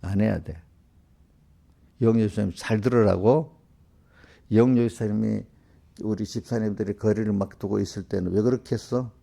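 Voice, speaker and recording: In a small-group setting, a male pastor preaches informally to his congregants, addressing them directly and scolding them with a string of rhetorical questions. His fairly low voice is steady, gravelly and warm, moving at a moderate pace with long pauses.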